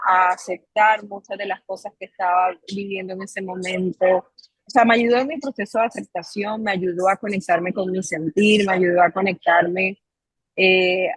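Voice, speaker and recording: A woman answers interview questions. Her husky voice is recorded dry and close. She pauses often and fills the gaps with soft fillers as she explains. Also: mid-range voice, no room sound, poor audio. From Colombia, Caribbean coast. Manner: measured, with frequent pauses and fillers. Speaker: psychologist and mindfulness coach, guest. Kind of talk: interview guest, reflective storytelling.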